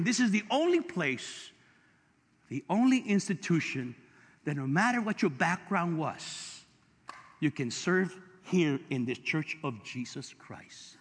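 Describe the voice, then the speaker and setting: A male pastor with a Californian accent preaching a sermon, telling stories and building up to shouts. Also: high-pitched, husky. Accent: Californian English. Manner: storytelling preacher, rising to shouts. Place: church sanctuary. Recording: long hall reverb.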